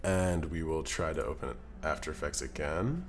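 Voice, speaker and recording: A young Scottish man chats casually on a live stream from his home streaming room, relaxed as he edits at his computer, muttering to himself and reading chat aloud into a desk microphone. He has a bass voice at normal speed, with soft background music.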